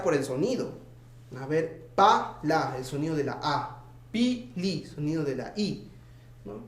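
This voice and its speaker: A man with a high, light voice walks students through an exam answer by answer. He is patient and keeps checking in with them. The sound is roomy and echoey. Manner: patient, checks in with tag questions. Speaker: teacher. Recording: echoey room.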